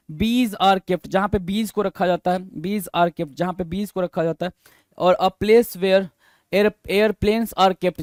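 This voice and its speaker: A man teaches exam vocabulary, moving between Hindi and in a fairly high voice. He drills each answer over and over, spells it letter by letter and fires questions back at the listener. The recording is close and dry, with no room sound. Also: darkish tone, dry recording. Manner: asks the viewer questions and answers them himself.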